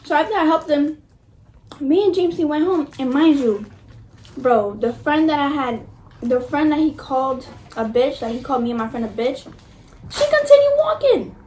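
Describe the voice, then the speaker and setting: A young woman telling a casual storytime in an animated, emphatic, slangy way, swearing freely. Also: sits high, normal speed, low-quality recording. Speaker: vlogger. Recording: noticeable background noise.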